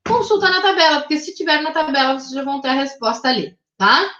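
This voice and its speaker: A high-pitched woman with a Brazilian Portuguese accent walks her class through grammar rules step by step, patient and methodical, checking in every few phrases. Her voice sits in a roomy space, and the recording sounds slightly dull. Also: animated, fast, sharp tone, slight background noise. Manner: patient, methodical, checks in with frequent tag questions. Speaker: English teacher.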